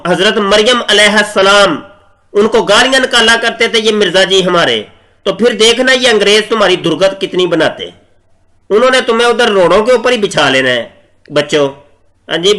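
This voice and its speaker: A high-pitched man delivers scornful commentary on his own channel. His voice is bright and sharp. He talks in a combative, mocking way. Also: normal speed. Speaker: channel host. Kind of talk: scornful commentary on a played clip.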